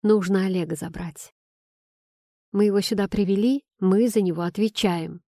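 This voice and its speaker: A woman voicing a soft-hearted young woman who gently pleads with her boyfriend. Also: medium pitch, fairly even intonation, normal speed, no echo, studio quality, lightly acted. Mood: pleading.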